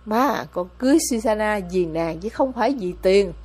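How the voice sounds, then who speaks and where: A woman voicing an anxious, earnest young village man who speaks quietly with a shaky voice in a storybook reading. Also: medium pitch, expressive, moderate pace, lightly acted.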